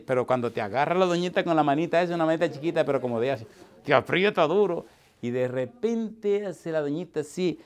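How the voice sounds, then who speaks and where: A man preaching in a humorous storytelling style. He repeats words for rhythm, often chuckles, and drops to a hushed voice when he tells what someone said. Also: fairly high pitch. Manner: animated, repetitive, drops to a hushed voice for quoted dialogue.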